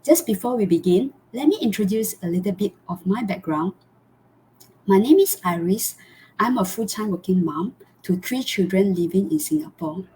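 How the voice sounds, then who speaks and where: A woman in her thirties or forties hosts a live online interview over a video call. She speaks earnestly at a mid pitch, pausing often for fillers and restarts. A faint hiss sits behind her voice. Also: animated, mellow. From Malaysia. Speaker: host.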